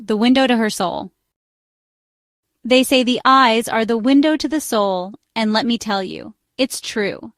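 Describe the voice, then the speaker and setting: A woman's voice: fairly high pitch, no echo, studio quality. A woman narrating scripted relationship advice, chatty and speaking straight to the listener. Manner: chatty, direct address to the listener.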